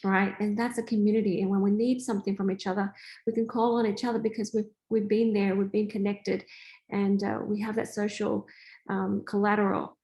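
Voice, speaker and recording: An Australian woman with a mid-range voice speaks briskly over a rough recording. She hosts as a spiritual coach in a casual teaching style, chatting away and acting out family dialogue in lively voices.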